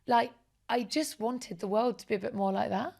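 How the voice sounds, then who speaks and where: Woman being interviewed, bit of fry in her voice, chatty and animated. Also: a little high, moderate pace. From Essex, England. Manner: animated, enthusiastic storyteller. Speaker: guest. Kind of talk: casual conversational interview.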